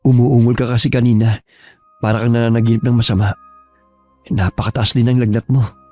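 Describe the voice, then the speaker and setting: A man playing a gentle, caring husband. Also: mid-range voice, flat delivery, fairly quick, faint music behind, lightly acted. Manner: gentle, reassuring. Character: caring young husband, steady and protective. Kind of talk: radio drama acting.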